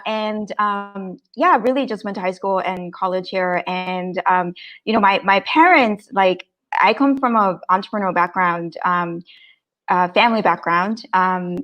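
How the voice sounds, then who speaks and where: A woman in her thirties from Korea, answering interview questions in an upbeat, chatty way with lots of fillers and restarts. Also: fairly low pitch. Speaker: guest, startup co-founder.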